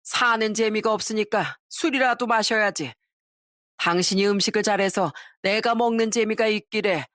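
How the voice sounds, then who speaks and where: A woman's voice: mid-range voice, normal speed, fairly bright tone, no echo, clean studio sound, close to an everyday voice. A woman voicing a selfish, abusive father-in-law in his sixties who belittles and rants, often drunk. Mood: contemptuous. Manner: scornful, belittling, drunken ranting.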